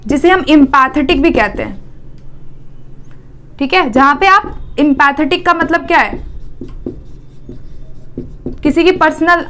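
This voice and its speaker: A woman teaching an exam-prep lesson, explaining step by step, asking questions and answering them herself, often checking in with "theek hai". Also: sits high.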